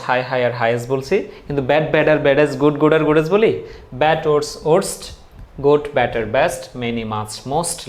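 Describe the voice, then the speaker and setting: A male teacher giving a casual grammar lesson, repeating key points and quizzing his students. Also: a little high. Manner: repetitive, drilling students with questions. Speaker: English teacher.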